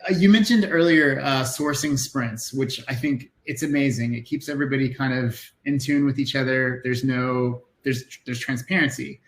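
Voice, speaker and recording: A man's voice: mid-range voice, steady tone, normal speed, hardly any pauses, slight background noise. Man hosting a webinar in an echoey room. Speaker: webinar host. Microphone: video call.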